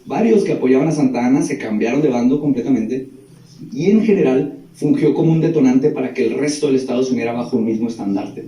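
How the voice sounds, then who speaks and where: A man's voice: medium pitch, fast, dark tone. A young man with a Mexican Spanish accent who hosts a history reaction video, retelling events casually with slang and jokes. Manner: slangy, jokey, retells history between quips. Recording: roomy, from a distance.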